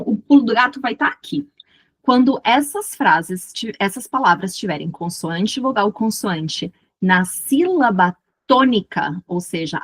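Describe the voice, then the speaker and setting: Woman, Brazilian Portuguese accent, teacher, breathy, patient, repeats examples. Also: mid-range voice. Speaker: English teacher. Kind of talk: explaining grammar rules.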